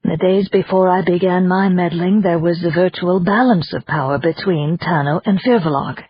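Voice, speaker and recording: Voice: mid-range voice, moderate pace, husky, pitched above the performer's own voice, close to an everyday voice. A narrator voicing a scheming elderly woman leader who speaks formally and precisely, in an audiobook. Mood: insistent. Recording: dull lo-fi audiobook recording.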